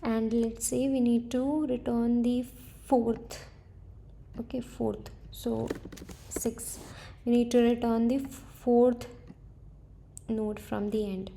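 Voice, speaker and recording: A woman's voice: on the high side, little pitch movement, slow pace, creaky, pauses often, dark tone, slight background noise. A woman thinking aloud as she works through a coding problem, hesitant and correcting herself as she goes. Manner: hesitant, tentative, self-correcting. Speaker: coding tutor.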